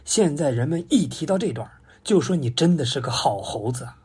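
Man doing a male pig demon, lustful, lazy, self-pitying, low breathy grumble, very husky, wide swings, comic audio story. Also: animated, brisk, darkish tone. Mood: sighing.

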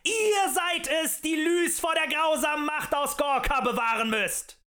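A man voicing a fiery male demagogue who rants and shouts at a tavern crowd in an audiobook. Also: very high voice, huge pitch swings, normal speed, voice pushed up, heavily acted. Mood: ranting. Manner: ranting, shouting, rhetorical and accusing.

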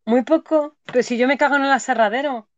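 Woman telling animated stories. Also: sits high, fast, no echo, dull audio. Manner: animated storyteller, acts out her own fear. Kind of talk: casual chat.

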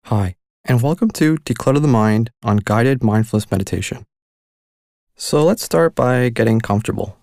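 A man leading a guided meditation in a soft, calm and unhurried way, pausing between short instructions. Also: medium pitch, vocal fry, dry recording, studio quality.

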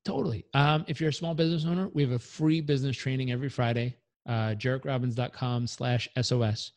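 A man speaks as a guest coach on a podcast, energetic and motivational. His voice sits in a middle register. The sound is dry and close, with no room around it. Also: medium pitch, fast talker, no echo. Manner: energetic, motivational, leads breathing exercise aloud. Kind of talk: podcast interview.

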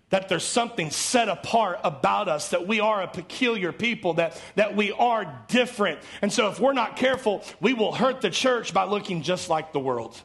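A male pastor delivers a fervent sermon, climbing to shouts and then sinking into low, intense passages. His voice sits high and carries a gravelly rasp. He preaches with urgent conviction.

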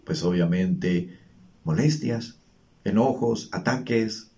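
Earnest man, a fatherly advice giver, low and warm. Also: slow pace. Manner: earnest, teacherly, rhetorical questions. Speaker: father giving emotional advice. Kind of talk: reflective monologue.

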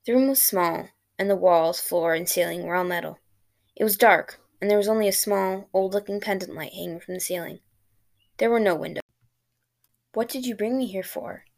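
A woman reading her own short story aloud at a steady pace on her podcast. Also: fairly low pitch, brisk, vocal fry. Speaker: podcast host and author. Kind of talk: storytelling narration.

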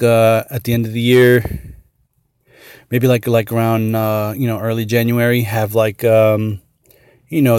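A man's voice: mid-range voice, a little mellow, clear, resonant tone, no echo. Rambling man with a dry close sound. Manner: rambling, many fillers and restarts; earnest, gets worked up. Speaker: podcast host. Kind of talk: casual solo commentary.

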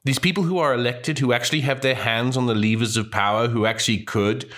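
A man's voice: mid-range voice, fast talker, a bit bright. A man co-hosting a casual podcast chat, opinionated and sardonic. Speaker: podcast co-host.

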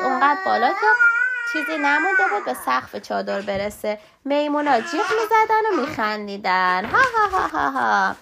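A woman reading a storybook aloud to her children at home, pausing to explain words. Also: on the high side, creaky, noisy background.

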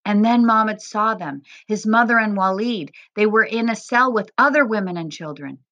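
A woman teacher reading a novel chapter aloud to her class in a steady, expressive voice. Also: mid-range voice, normal speed, no room sound.

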